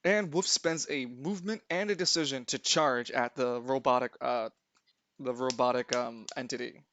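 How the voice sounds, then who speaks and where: A man's voice: medium pitch, normal speed, fairly bright tone, no echo. A man narrating a tabletop game as game master, speaking casually and swearing freely as he goes. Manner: informal, profane.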